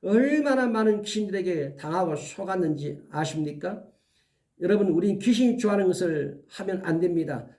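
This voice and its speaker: A male pastor preaching an earnest sermon, giving emphatic warnings and slowly listing items one by one. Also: high voice, lively intonation, darkish tone, far from the mic.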